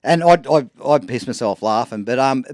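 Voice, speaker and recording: A man's voice: medium pitch, expressive, moderate pace, darkish tone, no echo, clean studio sound. A middle-aged man with an Australian accent, co-hosting a podcast in rambling, laid-back chat and swearing freely. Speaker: podcast co-host. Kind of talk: casual chat.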